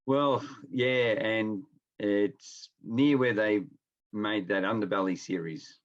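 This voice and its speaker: A middle-aged Melbourne man, an experienced nurse, is an interview guest on a remote call from home, sharing stories in a laid-back, colloquial way. His fairly low voice stays steady and slow, and the audio has its highs cut off.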